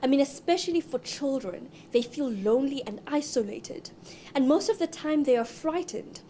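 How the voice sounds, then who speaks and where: A woman speaks as an expert, earnest and explanatory. Her voice is high yet mellow, with a faint hiss behind. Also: lively intonation, normal speed. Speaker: interviewed expert.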